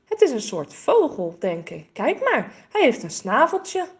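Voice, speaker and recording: Reading from a storybook, a woman voices an eager, caring young girl in an exaggerated voice pitched above her own. The high voice swoops wildly in pitch and moves a little slowly.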